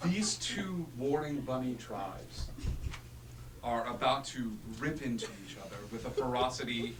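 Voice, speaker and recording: A man working as game master, narrating a tabletop fantasy game theatrically with dramatic pauses. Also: medium pitch. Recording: echoey room, distant mic, humming noise.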